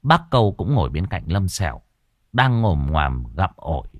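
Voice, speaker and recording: A man telling a ghost story with lively, playful swings in his voice. His tone sits fairly low and the sound is dry and close. He keeps the telling colloquial and animated. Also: moderate pace, no room sound. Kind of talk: storytelling narration.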